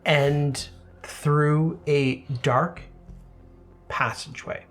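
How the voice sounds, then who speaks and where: A man narrating a tabletop game as game master, describing scenes to the players. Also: mid-range voice.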